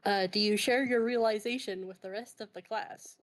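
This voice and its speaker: A woman narrating a tabletop game as game master, halting and full of fillers, laughing often. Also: medium pitch, fairly even intonation.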